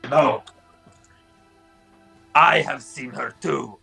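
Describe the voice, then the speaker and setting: A man's voice: mid-range voice, drawn-out words, gravelly, pushed and bright, slightly rough, faint music behind, full character voice. A man voicing a bitter, defiant villain who resents being seen as small, in a tabletop game.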